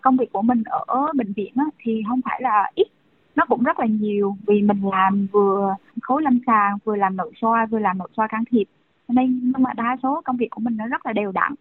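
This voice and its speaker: A woman doctor in her thirties calls in and answers earnestly, in a chatty way with lots of small fillers. Her fairly high voice comes through a tinny, dry phone line. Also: brisk, no room sound. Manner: earnest, conversational, many fillers. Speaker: young doctor guest. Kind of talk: phone interview. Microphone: telephone.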